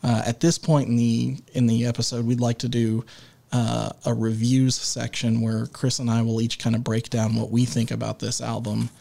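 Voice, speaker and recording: A man co-hosting a relaxed music podcast, talking in a mid-pitched, gravelly voice. He stops and restarts often, filling gaps with "uh" as he steers the conversation. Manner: halting, many filler sounds and restarts; leads the discussion and segues. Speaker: podcast co-host. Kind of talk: casual music podcast chat.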